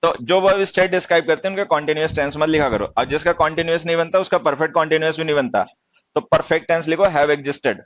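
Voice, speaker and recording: A man teaching English grammar in a classroom lecture, teasing students about their mistakes and reading example sentences slowly. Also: a little high, dry recording. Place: coaching class in Delhi. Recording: dull, dry lo-fi sound.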